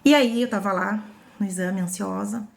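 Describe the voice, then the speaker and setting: A woman's voice: mid-range voice, steady tone, moderate pace, creaky. A young woman with a Brazilian Portuguese accent tells her own story in a personal testimony vlog. She talks earnestly and emotionally and repeats phrases for emphasis.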